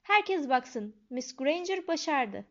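A tiny, excitable old wizard teacher, put on by a woman reading aloud, squeaks out each instruction slowly and firmly. The high voice comes through a dull, lo-fi recording. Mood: delighted. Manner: squeaking, slow and emphatic.

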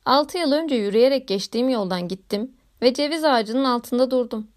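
A woman reading a classic novel aloud in a measured, literary narration. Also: a little high. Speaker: audiobook narrator. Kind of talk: scripted narration.

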